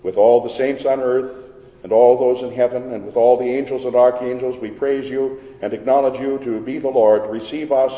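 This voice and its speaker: Solemn pastor in cathedral echo. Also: male voice, mid-range voice, dark tone. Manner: measured, solemn delivery. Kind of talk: reading liturgical prayers. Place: large church. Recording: reverberant church hall with organ.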